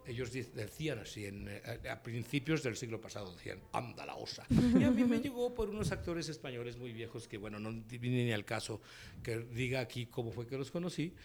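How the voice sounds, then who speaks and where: Animated Mexican man telling stories. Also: medium pitch, brisk, slight background noise. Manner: animated storyteller, acts out quotes, laughs often. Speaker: voice actor and dubbing director. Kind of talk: relaxed interview storytelling.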